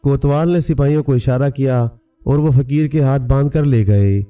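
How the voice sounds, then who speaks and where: List: man, fairy tale narration, smooth resonant voice, faint background music. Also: medium pitch, moderate pace, warm tone. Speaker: storyteller. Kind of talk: scripted storybook narration. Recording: distant mic, faint music.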